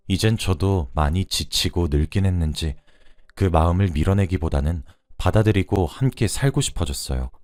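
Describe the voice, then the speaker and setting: A man's voice: deep voice, a little mellow, no room sound, studio quality. A man reading out a first-person true story as scripted narration.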